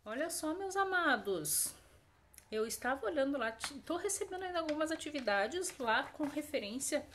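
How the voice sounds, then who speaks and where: A woman English teacher, giving a recorded online lesson, patiently repeating examples slowly with emphasis and checking in often with short tag questions. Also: sits high, animated, fairly bright tone, slight background noise.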